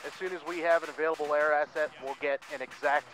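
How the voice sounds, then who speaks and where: Higher-pitched man commanding over game radio chatter. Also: steady tone, quick pace, fairly bright tone, low-quality recording. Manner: matter-of-fact orders with casual asides. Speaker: platoon commander in a military simulation game. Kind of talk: military radio chatter in gameplay.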